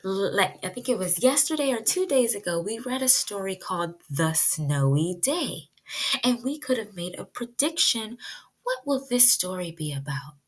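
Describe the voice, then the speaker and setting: A woman with a medium-pitched, slightly rough voice swings widely in pitch as she reads to young children online. As their preschool teacher, she keeps her phrases simple and deliberate and puts questions to the kids.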